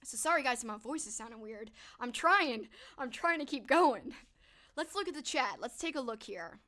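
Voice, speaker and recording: Her high, bright voice sounds pushed, with lively intonation and normal speed. The young streamer is losing her voice as she answers viewer questions live, keeping things upbeat and casual with plenty of "like" and "um."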